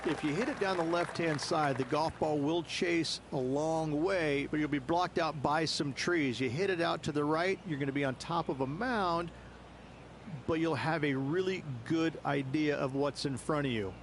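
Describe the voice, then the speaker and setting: Golf game course guide, played by a man: explanatory male analyst, scripted hole previews, fairly high pitch, light background noise. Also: moderate pace, lightly acted. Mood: explanatory, measured.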